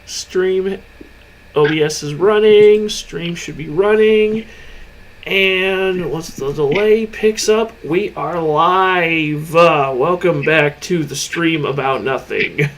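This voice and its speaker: A man co-hosting a casual livestream over a headset mic, easygoing and quick to laugh between remarks. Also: fairly high pitch, fairly bright tone. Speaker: streamer co-host.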